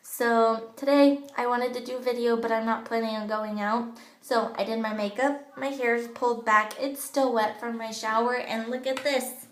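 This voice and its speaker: At a normal speed and with fairly even intonation, a woman whose voice is fairly high and childish-sounding chats casually through a training talk for her sales team, dropping many ums and you-knows. She leads a direct-sales makeup team and films on an old smartphone in her echoey home bathroom.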